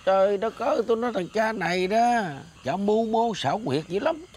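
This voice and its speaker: A man's voice: medium pitch, lively intonation, normal speed, darkish tone, natural voice. An actor playing a jealous, grumbling middle-aged man with a Southern Vietnamese accent in a comedy sketch, accusing and theatrical. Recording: music bed under the dialogue.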